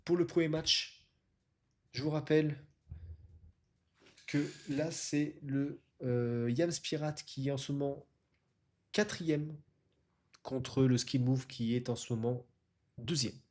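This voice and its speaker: A man's voice: medium pitch, slow pace, pauses often, darkish tone. A man casually presenting and commentating live on an online football tournament as its streamer and host.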